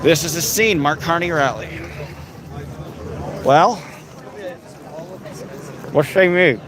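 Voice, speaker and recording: An American man livestreaming casual, candid commentary to his viewers in a halting way. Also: on the high side. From United States. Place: live on location at a rally. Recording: loud crowd and background noise.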